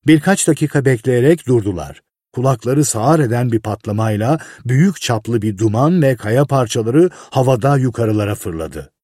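A man reading a story aloud in a lively way, with a husky voice. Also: medium pitch, no echo, studio quality. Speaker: narrator. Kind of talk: audiobook reading.

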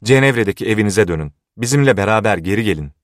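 A man's voice: fairly low pitch, lively intonation, rapid-fire, dry recording, studio quality, lightly acted. A man voicing a desperate, pleading young daughter. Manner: pleading cries.

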